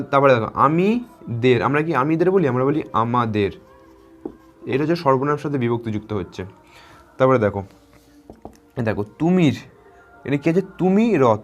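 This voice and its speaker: A man teaching a grammar lesson to schoolchildren. He asks a question, answers it himself, and repeats words slowly and encouragingly. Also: mid-range voice, lo-fi sound. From West Bengal. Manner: encouraging, addresses students directly.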